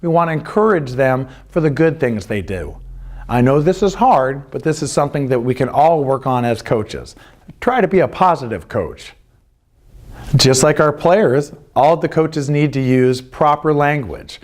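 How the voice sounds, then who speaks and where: A middle-aged American man with an expressive, mid-range voice lays out his club's rules at a moderate pace. As a youth lacrosse coach and club representative, he speaks earnestly and plainly, driving his main points home through emphasis and repetition.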